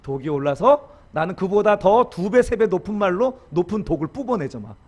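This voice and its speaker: A man's voice: sits high, very animated, brisk. A middle-aged man preaching a sermon as pastor, talking with the congregation and having them repeat after him. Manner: acts out harsh example quotes in dramatic voices; call-and-response with congregation.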